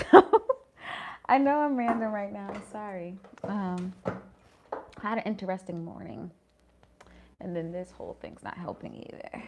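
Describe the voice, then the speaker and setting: A woman's voice: mid-range voice, a little hiss or hum. A woman giving a casual tarot reading vlog, chatty and slangy, swearing and apologizing as she rambles. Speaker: astrology tarot reader.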